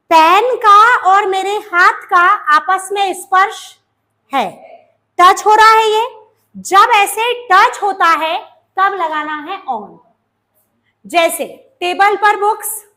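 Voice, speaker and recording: A woman's voice: extremely high pitch, bright, forceful tone. A woman with an Indian accent teaching English grammar to exam students, calling them beta and drilling answers with questions. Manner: slows down and stretches out example sentences.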